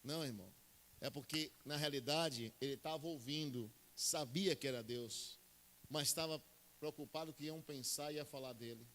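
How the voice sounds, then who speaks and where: A man with a Brazilian Portuguese accent preaching a sermon as pastor, emphatic, swinging from loud high bursts to low intimate asides while he tells stories. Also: normal speed, in a large hall. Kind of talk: Pentecostal-style sermon with storytelling.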